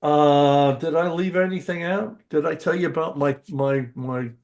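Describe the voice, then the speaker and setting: A man's voice: a little high, a little slow, a little mellow. An older man co-hosting a podcast, chatting with eager enthusiasm, restarting his sentences often. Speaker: podcast co-host. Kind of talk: casual podcast chat.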